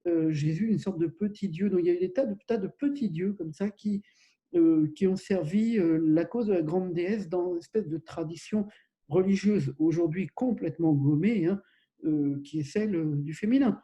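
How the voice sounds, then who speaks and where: A man lecturing on his own to camera, talking in loose, wandering sentences full of fillers and restarts. His voice sits high for a man, with a soft, very dark and mellow tone. It sounds like a casual solo video lesson. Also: normal speed. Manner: rambling, many fillers and self-corrections. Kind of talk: informal recorded lecture.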